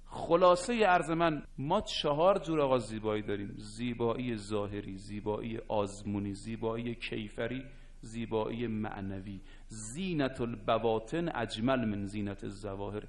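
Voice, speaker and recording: A man delivering a religious sermon. His voice rises loud and emphatic on key points, then falls to a hushed, slow delivery when he recites verse. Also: on the low side. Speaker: preacher.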